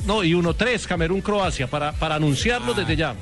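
Male radio panellist, high voice, quick casual banter over music. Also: animated, fairly bright tone.

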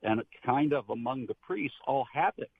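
A man's voice: mid-range voice, lively intonation, moderate pace, gravelly, husky. Older man calling in on a tinny speakerphone. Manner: earnest, meandering, recalls stories with restarts. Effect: speakerphone on a phone line. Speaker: caller, retired Protestant pastor. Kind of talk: call-in radio chat. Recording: tinny speakerphone call with faint background noise.

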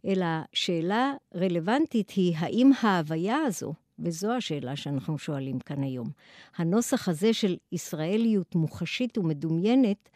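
An Israeli-accented woman gives a scholarly lecture from a prepared text. Her voice is fairly low and very mellow, with formal, carefully built sentences. The sound is dry and close, with no room on it. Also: no echo. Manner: formal, articulate, long measured sentences. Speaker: academic lecturer. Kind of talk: scripted academic lecture.

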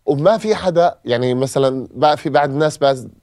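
A man's voice: medium pitch, fast talker, darkish tone, no echo, clean studio sound. A man from Gaza with a Palestinian accent gives an emotional personal testimony as a podcast guest and repeats phrases for emphasis. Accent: Palestinian Arabic.

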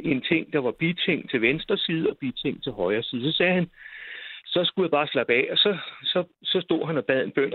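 A man's voice: a little high, slightly rough, no room sound. Older man rambling over a tinny phone line. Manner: rambling, repeats words, many hesitations. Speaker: guest telling a personal story. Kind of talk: casual storytelling.

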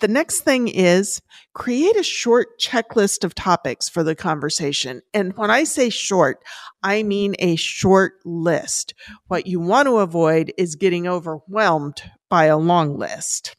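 A woman's voice: on the low side, expressive, unhurried, dry recording, studio quality. Woman giving upbeat, tidy advice, closely recorded. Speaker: personal finance expert giving advice. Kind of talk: prepared advice segment in conversational interview.

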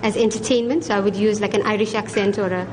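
A woman's voice: mid-range voice, fairly even intonation, fast, darkish tone. A middle-aged South African woman, a restaurateur and singer, chatting freely in an interview. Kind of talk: interview answers. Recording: noisy crowd behind.

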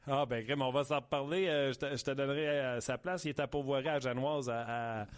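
A man with a Quebec French accent hosting a sports show, chatty and upbeat with drawn-out fillers. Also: medium pitch, fairly even intonation, clean tone. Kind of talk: interviewing and chatting.

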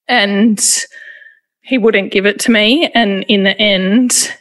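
A woman, retelling a painful personal experience in a halting, emotional way, with frequent restarts. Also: mid-range voice, steady tone, a bit bright. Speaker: interviewee. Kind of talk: personal testimony.

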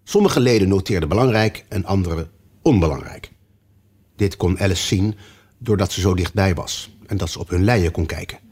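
A man narrating a children's classic as a scripted, expressive audiobook reading. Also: sits low, moderate pace, slightly rough.

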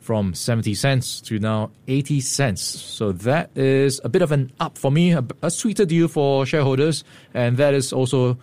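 A man co-hosting a radio market report, brisk and lightly playful, a little hoarse. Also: mid-range voice, darkish tone, no echo. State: slightly hoarse. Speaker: market news co-host. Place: radio studio. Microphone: studio microphone.

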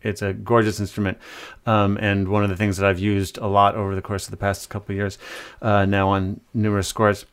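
A man with a lowish, smooth and resonant voice talks through his craft slowly and thoughtfully. He pauses often with fillers as he searches for words, speaking over a remote call. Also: monotone. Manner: hesitant, thoughtful, many fillers. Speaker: composer guest. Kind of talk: conversational interview answers.

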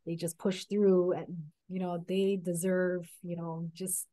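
A woman doctor, a guest in an interview, speaking in a measured, admiring way. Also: on the low side, flat delivery, mellow. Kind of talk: interview talk.

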